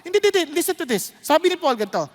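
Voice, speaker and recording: A woman with a Filipino accent preaching a sermon to a congregation. She mixes English into her talk and keeps checking in with the listeners through quick questions. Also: high-pitched, sing-song, big-room sound.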